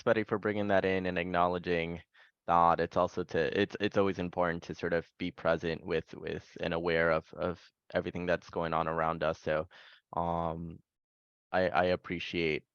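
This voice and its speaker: A man's voice: deep voice, a bit bright, clear, resonant tone, no room sound, highs cut off. A man moderating a panel over a video call, friendly and hesitant, with lots of fillers.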